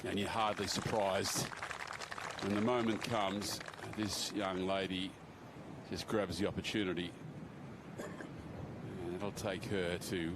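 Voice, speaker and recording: A man's voice: low voice, background noise. A man giving live golf commentary as a sports broadcaster.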